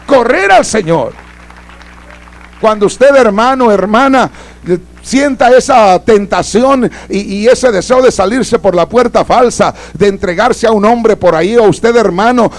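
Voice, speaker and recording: Fervent high-voiced Mexican preacher. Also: male voice. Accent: Mexican Spanish. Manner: fervent, swings between loud exclamations and low asides. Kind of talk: sermon.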